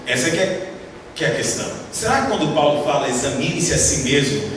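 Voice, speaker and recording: A man with a Brazilian Portuguese accent preaching a sermon, emphatic and full of rhetorical questions for the congregation. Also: a little high. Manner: emphatic, asks the audience many rhetorical questions. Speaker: pastor. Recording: echoey hall from far off with background noise.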